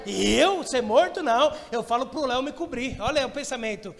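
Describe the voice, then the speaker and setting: A male pastor preaching a sermon, telling a story and acting out dialogue with animated energy. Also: very high voice, a little fast, vocal fry, big-room sound. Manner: animated storytelling, acts out dialogue, shouts in prayer. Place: church.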